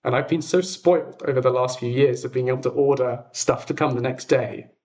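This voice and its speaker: Brisk and steady, with a medium pitch and a somewhat dark tone, a man hosts a casual livestream. This audio drama creator rambles and pokes fun at himself, and his makeshift home streaming space is an untreated room with plenty of echo.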